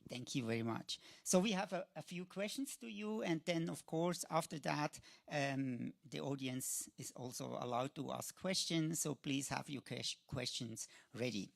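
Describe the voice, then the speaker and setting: Gravelly halting man asking questions. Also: a little high, dry recording, clean studio sound. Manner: halting, searching for words. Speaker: host, interviewer. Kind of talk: interview questions.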